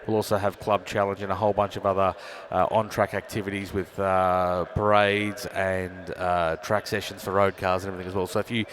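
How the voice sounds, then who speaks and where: A man's voice: low voice, flat delivery, fairly quick, a bit bright, a little hiss or hum. A man co-commentating a motorsport broadcast, telling viewers about upcoming events with many fillers. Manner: promotional, informative with fillers.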